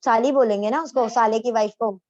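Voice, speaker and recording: A woman's voice: a little high, fairly even intonation, brisk, darkish tone, muffled recording. A woman teaching a casual class, explaining step by step and asking her students questions, often correcting herself. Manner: self-correcting, restarts. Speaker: Islamic history teacher.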